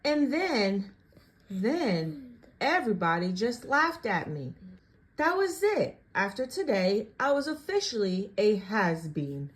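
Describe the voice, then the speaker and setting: A woman with a mid-range voice reads a children's picture book aloud, telling the story in an animated, expressive, and deliberate way.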